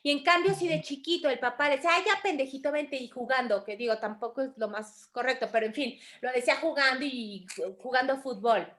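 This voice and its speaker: Woman, Mexican accent, teacher, high voice, animated, expressive, warmly addressing students. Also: a little fast, few pauses. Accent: Mexican Spanish. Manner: animated, acts out quoted voices, calls students affectionately. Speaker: spiritual study group teacher. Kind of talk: teaching a course in an online group class.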